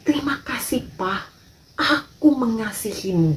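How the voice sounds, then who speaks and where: An eager, hungry little street boy from a children's storybook tale, as a woman storyteller puts him on. His words come slowly, with a lively, hopeful lift in the voice. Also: fairly high pitch, slight background noise, pitched above the performer's own voice.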